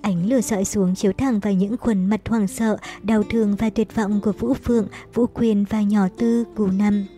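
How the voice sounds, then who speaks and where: A woman narrating a novel as an audiobook in a brisk, dramatic storytelling manner. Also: mid-range voice, fairly even intonation, warm tone, faint music behind.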